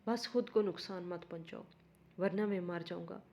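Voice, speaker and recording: A woman's voice: on the low side, a little mellow, a little hiss or hum, natural voice. A woman reading the lines of a young husband who is torn and pleading, in a strained, earnest voice.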